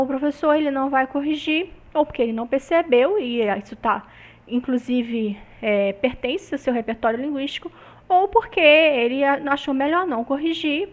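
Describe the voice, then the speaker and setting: A woman's voice: sits high, lo-fi sound. A woman with a Brazilian Portuguese accent giving a recorded university lecture, explaining step by step and often ending phrases with tag questions.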